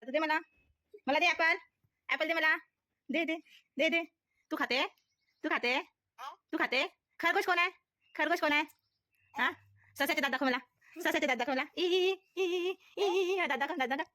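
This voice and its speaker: A woman baby-talks to a toddler in a coaxing, sing-song way, repeating each phrase over and over. Her voice sits very high and has a bright, ringing edge. She sounds like a vlogging mother at home. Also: normal speed, long pauses.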